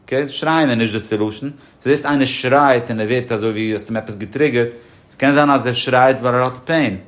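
A man's voice: mid-range voice, a little fast. A man as a podcast guest giving insurance advice, emphatic and explaining through examples. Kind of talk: casual podcast conversation.

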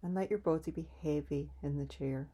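Low, husky woman guiding calm grounding. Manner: calm, soothing, unhurried instruction with pauses. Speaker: meditation guide. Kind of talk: calm guided grounding exercise.

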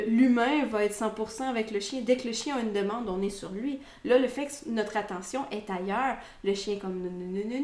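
A woman with a Québécois French accent explaining dog training to viewers in a lively way, often checking in with "ok?". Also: fairly high pitch. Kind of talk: instructional talk to viewers. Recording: roomy echoey room.

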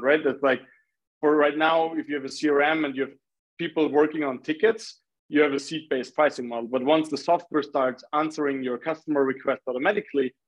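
Casual podcast talk comes from a startup founder from Austria, interviewed as a guest and speaking with an Austrian accent. The audio is dull, and his voice is mid-range.

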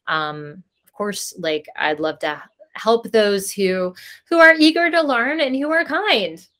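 This woman's medium-pitched, fairly bright voice is expressive, and she takes her time. She's a podcast guest who owns a princess party company, chatting casually over video call in an effusive, rambling way with giggly asides.

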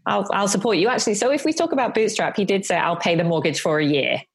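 A woman's voice: medium pitch, fast talker, slightly rough. A woman, a chatty interview guest who talks with frequent ums. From north of England. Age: 40s. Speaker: guest, business owner. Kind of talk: casual interview chat.

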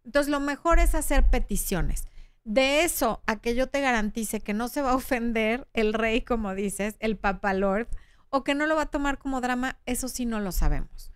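A woman's voice: a little high, normal speed, smooth, no room sound, studio quality. A woman in her thirties with a Mexican Spanish accent, hosting a frank, chatty relationship advice talk and reading out viewer comments. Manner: frank, chatty, acts out quoted voices.

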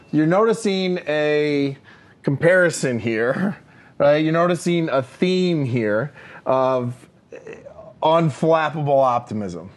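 A man co-hosting a leadership podcast, talking emphatically with many fillers and "right?" tags. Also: on the high side. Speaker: podcast co-host, leadership coach. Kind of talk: casual leadership podcast chat.

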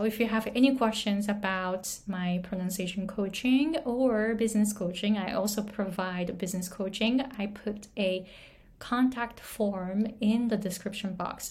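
Taking her time in a mid-range voice, a middle-aged Japanese woman runs a relaxed English pronunciation video lesson. She shares stories with animation, mixing Japanese and English.

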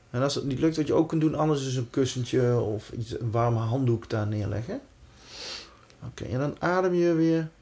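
A man guiding a breathing and body-awareness exercise in a calm, reassuring way, leaving pauses between short instructions. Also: medium pitch. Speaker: relaxation and breathwork guide.

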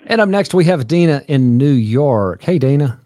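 A man's voice: medium pitch, animated, normal speed, mellow, no room sound, clean studio sound. A man hosting a call-in advice show, explaining things to callers in a patient, plain way. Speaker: host.

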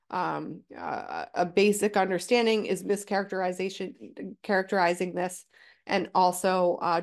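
Stuffy-nosed woman podcast host. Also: fairly low pitch. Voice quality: nasal. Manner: emphatic, with frequent "right?" check-ins. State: stuffy from a cold. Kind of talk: casual teaching talk.

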